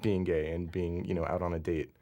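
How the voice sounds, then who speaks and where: A man with a lowish, gravelly voice, talking easily through a DVD commentary for an episode he wrote. He sounds earnest and appreciative, with an easygoing manner. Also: flat delivery, a little fast, warm tone, dull audio. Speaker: episode writer on a commentary track. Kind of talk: casual DVD commentary chat.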